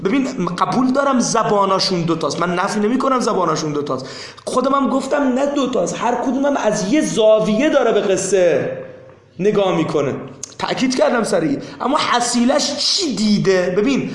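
A man's voice: high-pitched, animated, reverberant. A man teaching a seminary class, explaining insistently and repeating his points.

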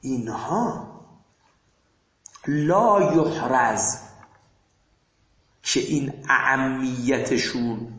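A man teaching a class in a lecture, moving between quiet asides and emphatic rising bursts. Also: mid-range voice, pauses often, roomy sound, rough recording. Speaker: seminary teacher.

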